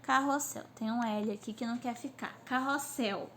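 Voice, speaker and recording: A woman teacher gives a recorded class lesson to children, sounding out words slowly syllable by syllable, recorded on a phone on a stand. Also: on the high side, fairly even intonation, slight background noise. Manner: slow syllable-by-syllable drilling.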